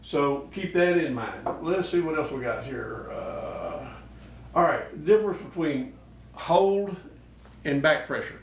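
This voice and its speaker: A man's voice: on the high side, expressive, takes it slowly. Echoey, distant man hosting casual how-to talk. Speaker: host of a duck call show. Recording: echoey noisy room, distant mic.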